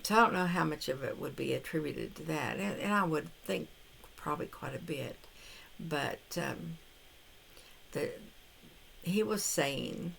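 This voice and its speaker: A woman's voice: sits low, vocal fry, a little hiss or hum. An older woman vlogging casually to camera, rambling and hesitant, with frequent restarts. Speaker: vlogger on a carnivore diet challenge. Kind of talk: casual talking-to-camera vlog.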